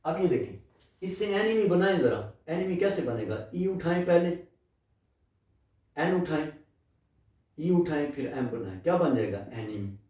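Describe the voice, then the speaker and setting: A man lecturing on linguistics, explaining patiently and posing questions to his listeners before answering them. His voice is dark and mellow. It comes from well back from the mic in a very echoey room. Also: on the high side, big pitch swings, a little slow, long pauses, recorded from a distance. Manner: explanatory, asks rhetorical questions and switches into English phrases.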